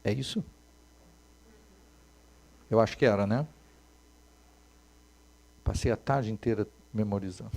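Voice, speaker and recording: A man, giving a Buddhist dharma talk as a meditation teacher, moving between soft and emphatic speech. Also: fairly low pitch, a little slow, creaky, long pauses.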